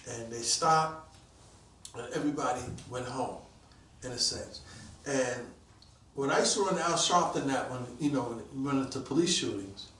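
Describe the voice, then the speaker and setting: A man around sixty, a police detective guest telling stories in a casual interview. He is animated and acts out the voices of people he quotes. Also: medium pitch, normal speed, slight background noise. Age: about 60. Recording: roomy, mic at a distance.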